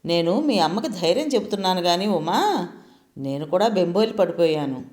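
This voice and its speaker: A woman's voice: on the low side, expressive, normal speed, a little mellow, lightly acted. A woman voicing a shaken kindly old uncle. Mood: earnest. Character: older uncle, shaken but kindly host.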